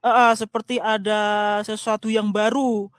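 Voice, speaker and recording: A woman interviewer gently affirming and paraphrasing her guest's words. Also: on the high side, flat delivery, moderate pace, no room sound, clean studio sound. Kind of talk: supportive interviewing.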